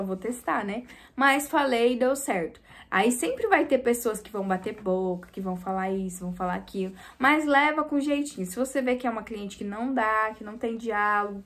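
A woman with a high voice and a Brazilian Portuguese accent tells stories from running her small clothing store. She talks casually and chattily to her viewers, calling out to them often as she vents. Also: a bit bright. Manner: chatty, venting, often addresses viewers directly. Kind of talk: casual vlog storytelling.

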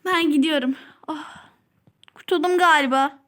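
Very high, bright, giggly female voice. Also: normal speed. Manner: giggly, playful, often drops to a hushed voice. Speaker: channel host. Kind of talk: playful game-play vlog.

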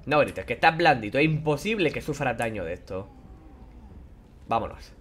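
A man commentating a horror game playthrough, taunting and swearing at the characters in a playful, animated way. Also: medium pitch, moderate pace, background noise. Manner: animated, playful sound effects and singing. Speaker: gameplay commentator. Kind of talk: casual let's-play commentary.

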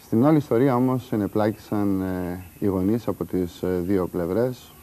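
A man hosting a TV show, presenting in a measured way with filler pauses. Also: fairly low pitch, dark tone. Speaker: TV show host. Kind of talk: broadcast presenting.

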